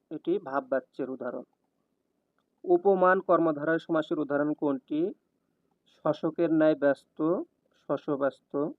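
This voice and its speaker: Man, exam prep tutor, question-and-answer reading, steady cadence, higher voice, thin phone-like sound. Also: no echo. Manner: reads each question then its answer in an even, steady cadence. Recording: tinny, dry, phone-like sound.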